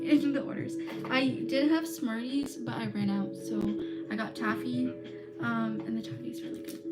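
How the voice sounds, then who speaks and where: A young woman vlogging while she crochets, chatting casually and filling her talk with "like" and "um" as she reads live comments. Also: on the high side. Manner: chatty and relaxed, with many "like" and "um" fillers. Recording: loud background music under the voice.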